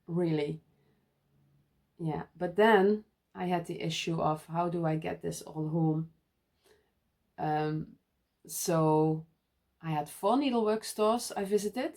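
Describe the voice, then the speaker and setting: A woman from the Netherlands, a native Dutch speaker, telling a casual story about her stitching trip in a halting way, with many restarts and soft laughs. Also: fairly low pitch. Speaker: needlework vlogger.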